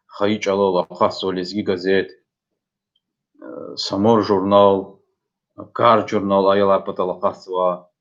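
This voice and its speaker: A native Lezgian man from Dagestan hosting an online dictation, addressing the participants. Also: fairly low pitch. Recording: dull, lo-fi online audio.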